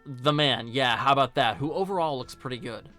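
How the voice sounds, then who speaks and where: Music plays beneath a man of medium pitch who narrates a film review as host and video essayist. His tone is bright and forceful and his pace brisk, while his take stays casual, opinionated, blunt, sarcastic, and sometimes profane.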